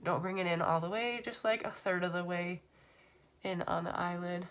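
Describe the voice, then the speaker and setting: A woman's voice: lowish voice, moderate pace, fairly bright tone, a little hiss or hum. A woman in her thirties with a stuffy nose from a cold, chatting casually through a makeup tutorial. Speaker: beauty vlogger. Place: small room at home.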